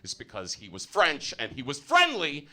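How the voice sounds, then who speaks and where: A young American man doing a stand-up comedy set on stage, loud and swearing, his voice jumping high on punchlines. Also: wildly swooping pitch, normal speed, heavy background noise. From United States. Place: comedy theater with a live audience.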